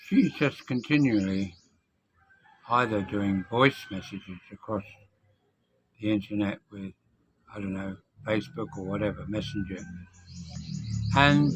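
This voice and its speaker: A man with a lowish voice talks with missing teeth. He gives advice off the cuff, vlog style, reflective and measured, leaving deliberate gaps between phrases. There is noticeable noise behind him. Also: a bit bright, poor audio. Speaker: vlogger. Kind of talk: unscripted advice monologue to camera.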